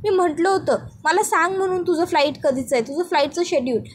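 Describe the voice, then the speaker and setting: A woman's voice: extremely high pitch, quick pace, voice pushed up. Woman reading as a sulky impatient young wife. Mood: complaining. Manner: sulky, complaining. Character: impatient young wife awaiting her husband.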